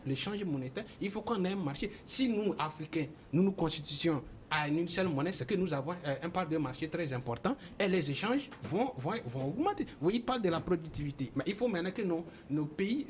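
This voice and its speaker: A man's voice: fairly high pitch, a little hiss or hum. A man from Togo speaking as a guest on a TV panel, with many fillers and restarts. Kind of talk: TV panel discussion.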